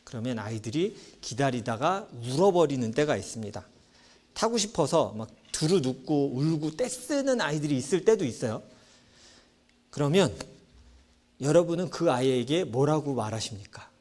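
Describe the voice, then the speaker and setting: A man preaching a sermon as pastor, telling stories with lively acted-out voices of children and parents. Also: fairly high pitch, normal speed. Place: church sanctuary.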